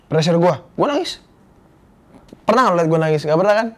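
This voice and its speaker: A man's voice: a little high, fast talker. A young man, a guest actor telling a personal story in casual, slangy, earnest talk. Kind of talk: casual interview chat.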